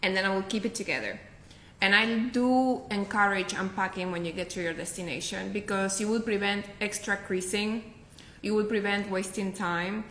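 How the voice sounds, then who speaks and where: A woman's voice: mid-range voice, moderate pace, a bit bright, echoey room, slight background noise. A woman with a Spanish accent, whose first language is Spanish, giving upbeat packing advice in a casual chat, often checking in with "right?". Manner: upbeat, instructive, tag questions like "right?". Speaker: professional packer, guest.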